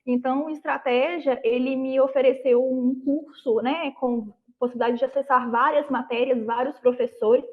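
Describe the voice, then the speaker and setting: Over a phone-quality line, the same kind of guest speaks: a Belo Horizonte lawyer in her thirties, Minas Gerais accent, who passed a prosecutor exam. Her high-pitched voice stays fairly even in intonation at a moderate pace, barely pausing, as she explains her answers conversationally.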